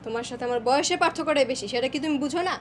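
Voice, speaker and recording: A woman's voice: high-pitched, racing, a little hiss or hum, close to an everyday voice. An actress playing a defiant young wife who talks back to her husband, in a television drama.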